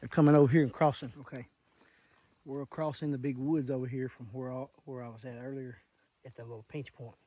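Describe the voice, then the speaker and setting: This folksy Arkansas man talks plainly in his Southern accent, pointing things out while he explains deer scouting on a casual vlog out in the woods. His mid-range voice is dark and brisk with a flat delivery. The outdoor field recording has its highs cut off and carries faint natural noise.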